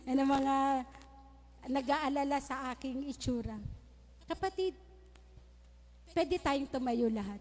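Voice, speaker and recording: High-voiced woman pastor preaching in a hall. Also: slow pace, pauses often, darkish tone. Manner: humorous storytelling mixed with Taglish preaching. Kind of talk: sermon. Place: church hall. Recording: long reverb of a church hall.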